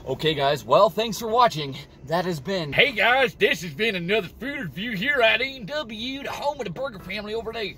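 A man's voice: high-pitched, expressive, a little fast, pushed and bright, soft background music. A man in his thirties giving a casual food review on a phone inside a car. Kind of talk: casual vlog chat. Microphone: phone at arm's length.

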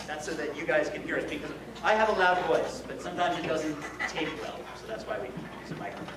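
A middle-aged man talks quickly in a slightly high voice, giving an enthusiastic science presentation with questions from children and occasional Spanish phrases. He gestures and moves in front of them in a large school cafeteria, using a wireless headset or lapel mic. The audio is roomy and distant, with noisy kids behind him.

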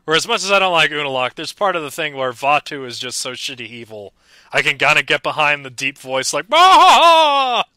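An excitable young man co-hosts a casual podcast chat. His voice is very bright and a touch high. The sound is dry and close. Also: dry recording. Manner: excitable, quick to do mock voices. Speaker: podcast co-host. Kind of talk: casual chat about a cartoon.

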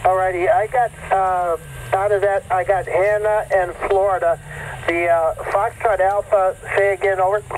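A man's voice: high-pitched, flat delivery, slight background noise, poor audio. Man heard over a ham radio. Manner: measured, patient, asks for repeats and spellings. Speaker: ham radio net relay operator. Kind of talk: formal radio procedure, call signs and "over".

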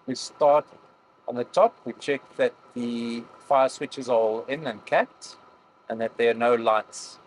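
A man explaining a cockpit preparation as a pilot instructor, calmly going through each check in a cockpit. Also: mid-range voice, a little slow, slight background noise, poor audio. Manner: calm, explains each step plainly. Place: aircraft cockpit.

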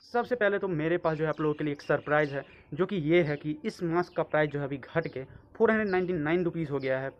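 Man talking fast through a face mask. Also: fairly high pitch. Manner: casual, with lots of verbal filler. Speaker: product reviewer. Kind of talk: casual product review vlog. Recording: dull, muffled lo-fi sound.

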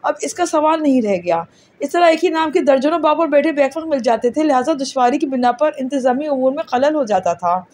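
Woman doing an alien girl, calm and superior, lecturing, high voice, audiobook. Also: a little hiss or hum. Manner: patient, lecturing, matter-of-fact. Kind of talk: audiobook character reading.

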